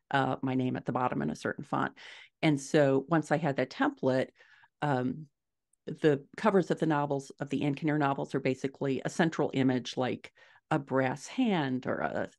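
A middle-aged woman with a bass voice is interviewed as a guest author over a video call. She sits indoors in a small furnished room at home and responds in a conversational but measured way, carefully explaining her points.

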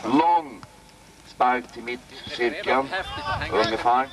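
A man giving live play-by-play commentary on a local football match outdoors, excitedly calling out player names. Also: medium pitch, recorded from a distance, crowd noise.

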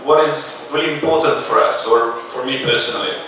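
A man's voice: medium pitch, fairly quick, sharp tone. A man in his thirties giving a casual, hesitant keynote talk on a large auditorium stage, speaking into a handheld mic with many "uh" fillers. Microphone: handheld mic, filmed from far back. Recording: echoey hall, distant camera mic.

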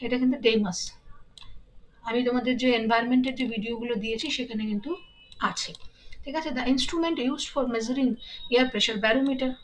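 A woman's voice: a little high, fairly even intonation, a little hiss or hum, low-quality recording. Woman teacher with a Bengali accent. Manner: reads English questions slowly, then explains briskly. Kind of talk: exam-prep lesson.

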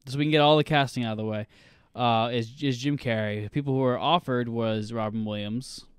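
Podcast host guy, smooth clear voice, lots of uhs, rambles thru names, dry sound. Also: medium pitch, fairly quick, no echo. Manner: rambling, many fillers, lists names. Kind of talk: casual chat.

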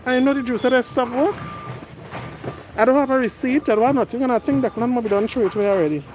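A middle-aged woman vlogger films a casual shop-with-me video on her phone, holding it while pushing a cart through a large indoor warehouse store, chatting to viewers and reading prices aloud. Her voice is on the high side, quick, and darkish, and the rough recording has slight background noise.

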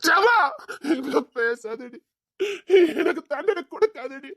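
A woman's voice: high-pitched, animated, slow, gravelly, fairly bright tone, dry recording, clean studio sound, heavily acted. A woman voicing a young man who begs and cries for the love of a friend in an audio drama. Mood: pleading. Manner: pleading, crying.

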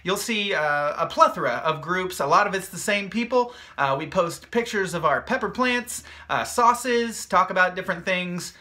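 Man, young adult, vlog host, casual chatty, upbeat, jokey, rambling, bright tone. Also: high voice, expressive, normal speed, hardly any pauses. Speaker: hot sauce maker and video host.

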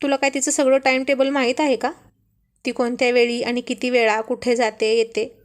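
Lady doing a stubborn young wife in a storybook, high squealy complaining. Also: little pitch movement, moderate pace, lightly acted. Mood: pouting. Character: young wife, scared of a lizard, fussy and stubborn.

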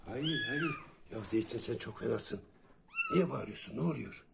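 A man's voice: fairly low pitch, lively intonation, normal speed, vocal fry, very noisy. A man talking casually to kittens, coaxing and cooing as he calls them over. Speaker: vlogger tending kittens.

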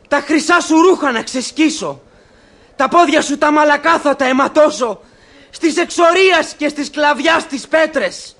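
An actor playing a wrathful old abbot who proclaims God's curse in a declamatory classic radio drama. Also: male voice, very high voice, fairly bright tone. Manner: thundering, declamatory. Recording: old archival radio recording.

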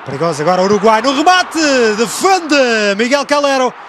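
Male football commentator, European Portuguese accent. High, fast, dramatic and excited delivery over noisy stadium broadcast sound. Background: clear stadium noise.

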